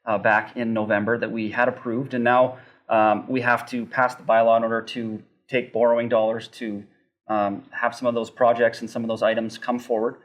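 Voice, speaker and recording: A man's voice: medium pitch, level tone, normal speed. A man, a city councillor, steadily explaining council procedure in casual talk with frequent ums. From Canada. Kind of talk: casual civic discussion.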